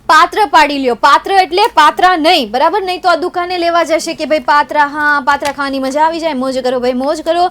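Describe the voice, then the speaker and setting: Woman, Gujarati accent, young adult, high voice, teasing, chatty online tutor. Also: quick pace, hardly any pauses, fairly bright tone. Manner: playful, teasing, chatty with students. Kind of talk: chatty live exam revision lesson.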